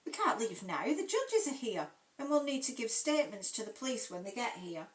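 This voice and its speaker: A woman's voice: on the high side, very animated, a little fast, far from the mic. A woman reading her cozy mystery speaks as a frank, exasperated lady sleuth who says things straight. The sound is roomy and set back from the mic.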